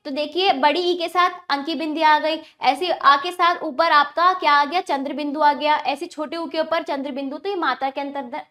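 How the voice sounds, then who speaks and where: A woman with a high voice teaches a grammar lesson to young children. She patiently asks the class questions and then answers them herself. When she spells out example words, she slows down and stresses each one. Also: fairly bright tone.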